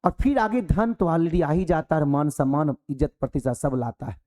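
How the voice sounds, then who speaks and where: Animated male teacher. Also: on the high side, normal speed. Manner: animated, preachy, rhetorical questions. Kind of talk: lively classroom lecture.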